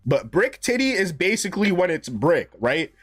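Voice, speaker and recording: This man's voice sits high and a bit bright, swinging widely in pitch at a normal speed. Twenty-eight and from New York, he's casually chatting on a gaming stream while a little tipsy, rambling with slang, frequent swearing, and nonstop "bro."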